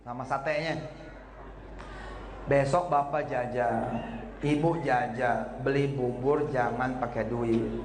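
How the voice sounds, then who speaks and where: Joking preacher. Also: male voice, mid-range voice, takes it slowly, long pauses, background noise. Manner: lively storytelling, acts out dialogue in voices, joking. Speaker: Islamic preacher. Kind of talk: humorous sermon to a live congregation. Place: evening gathering before an audience. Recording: echoey hall with loud background ambience.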